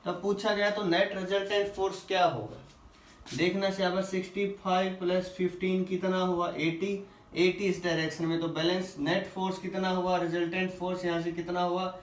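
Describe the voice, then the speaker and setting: A male physics teacher going through quiz questions, asking the class questions and answering them himself, reading English questions slowly before explaining. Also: high voice, little pitch movement, recorded from a distance. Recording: echoey room, voice a little off-mic.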